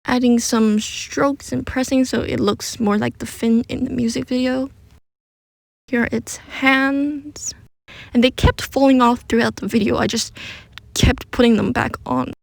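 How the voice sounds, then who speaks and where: Recorded dry under a blanket, muffled and near, a woman's creaky, high-side voice narrates a craft tutorial. She keeps it casual and makes fun of her own DIY attempt.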